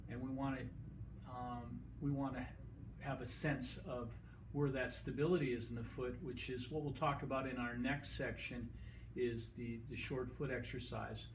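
A man's voice: medium pitch, fairly even intonation, normal speed. A middle-aged man with a mid-range voice explains a demonstration lesson in his clinic room. He talks the camera operator through each step. He is picked up by a camera mic a few feet away, with a faint background hum.

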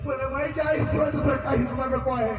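A man's voice: very high voice, steady tone, fast. A man playing a desperate poor young son who pleads and sobs to god for his mother's life, in a live folk stage drama. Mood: anguished. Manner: anguished wailing pleas, sobbing shouts. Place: open stage performance. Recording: echoey distant lo-fi stage recording with loud music.

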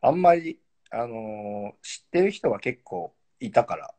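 A man's voice: medium pitch, lively intonation, measured pace, warm tone. A man, chatting casually on a live stream and laughing often. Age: 40s. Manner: laid-back, laughs often, joking. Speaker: pro footballer, live-stream guest.

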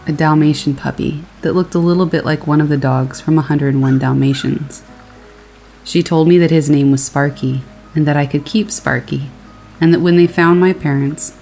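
A horror story narrator calmly reading a first-person scary story aloud, with steady storytelling delivery. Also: mid-range voice, vocal fry, low-quality recording. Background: rain sounds and faint music.

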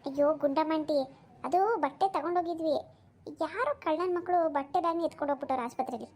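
A woman's voice: high voice, fast, a little mellow, lightly acted. A woman voicing a meek young new mother.

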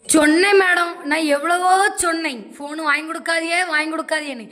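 A woman's voice: extremely high pitch, steady tone, brisk, sharp tone. A woman playing a middle-aged mother who complains in an exasperated way about her daughter. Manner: exasperated, complaining, keeps saying madam. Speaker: mother at counseling. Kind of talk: amateur comedy stage acting.

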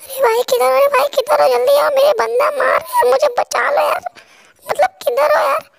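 Man doing a panicky teammate, shrill, pleading, very high, gravelly edge. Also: normal speed, noisy background, exaggerated voice. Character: panicky whiny teammate begging for rescue.

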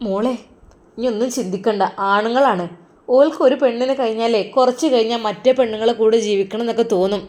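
A woman's voice: fairly high pitch, a little fast, a little mellow, natural voice. A woman voicing a protective, indignant middle-aged mother in a storybook tale, scolding and comforting, with a Malappuram Malayalam accent.

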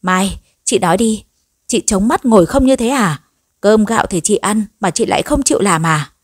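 A woman voicing a sharp-tongued, nagging old mother-in-law in a storybook reading. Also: mid-range voice, lively intonation, moderate pace, slightly rough, no room sound, studio quality. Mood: scolding. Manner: nagging, sarcastic scolding.

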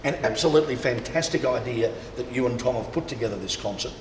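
A man's voice: mid-range voice, quick pace. A man presenting and interviewing on camera, chatty and promotional, talking straight to viewers. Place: large cathedral interior. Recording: echoey cathedral with long reverb and faint background noise.

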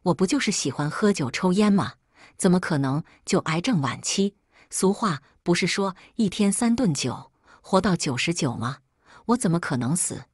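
A woman's voice: fairly low pitch, animated, moderate pace, breathy edge, no room sound, clean studio sound. A woman voicing a sick, stubborn young husband who whines in disbelief. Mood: disbelieving.

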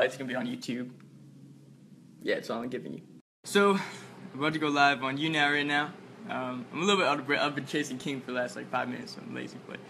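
Excitable man vlogging on his phone. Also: fairly high pitch, rough recording. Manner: upbeat, chatty, excitable. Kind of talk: casual selfie video diary. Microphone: phone held at arm's length. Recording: phone recording with clear background noise.

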